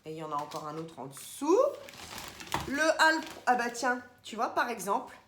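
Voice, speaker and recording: A woman's voice: a little high, sing-song, normal speed, fairly bright tone. A woman chatting casually through a grocery haul vlog, rambling and addressing viewers directly. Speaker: vlogger. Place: home, indoors. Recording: echoey room, faint background noise.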